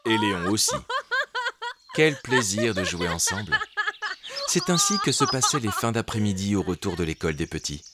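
A man narrating a children's storybook in an expressive, gentle storytelling manner. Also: lowish voice, moderate pace, heavy background noise.

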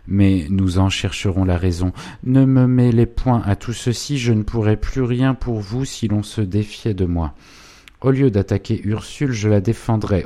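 Man doing a spiteful hunchbacked clerk for a storybook reading: pitched high above the reader's own voice, bitter, scheming, pushy. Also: warm tone, lightly acted.

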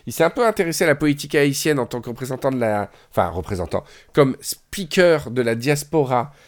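A man with a gravelly, fry-laden voice hosts a casual podcast chat. He tells long, winding stories with enthusiasm, breaking them up with frequent fillers and restarts. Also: mid-range voice, animated, a little fast. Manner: rambling, enthusiastic storytelling with many fillers. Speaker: podcast host.

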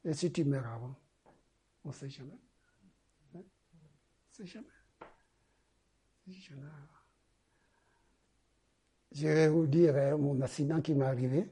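Husky, mellow-voiced man preaching. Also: fairly high pitch. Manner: halting, repeats phrases, swings between loud urging and soft murmurs. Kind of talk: testimony sermon.

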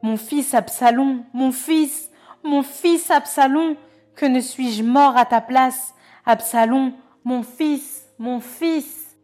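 A woman's voice: mid-range voice, lively intonation, normal speed, dark tone, faint music behind, close to an everyday voice. A woman reading as a grieving old king. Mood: grief-stricken. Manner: anguished, raised voice.

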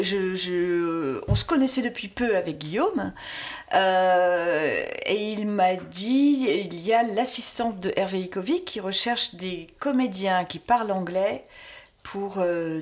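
A woman voice actress chatting in an interview, telling a story with frequent laughs and restarts. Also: mid-range voice. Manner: lively storyteller, laughs often, many restarts. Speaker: guest voice actress. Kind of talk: casual interview chat.

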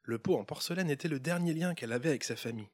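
A man's voice: a little high, racing. A man hosting a podcast who narrates a Christmas storybook tale in a playful way, with running gags. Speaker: podcast host.

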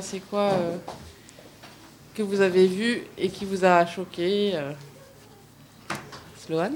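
A woman hosting a radio discussion in a studio, pausing often with filler sounds as she leads the talk. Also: medium pitch, a little hiss or hum. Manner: hesitant, with frequent "euh" fillers. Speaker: radio host.

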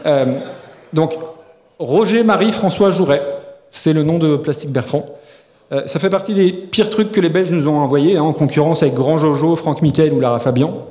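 A man's voice: a little high, moderate pace, darkish tone. Joking man in an echoey hall. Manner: joking, rambling with many fillers and restarts. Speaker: podcast co-host. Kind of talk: live podcast banter on stage. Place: live festival stage before an audience. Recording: echoey hall with long reverb.

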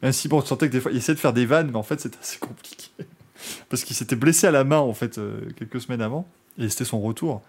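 A man's voice: mid-range voice, fast talker, breathy edge. A man hosting a motorsport podcast, chatting casually and joking, rambling with frequent restarts. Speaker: podcast host.

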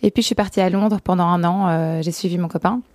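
A young woman speaking softly as a guest in a radio interview, with frequent fillers. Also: on the low side, steady tone, fast, dry recording, clean studio sound. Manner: soft, quiet voice. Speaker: guest, company founder.

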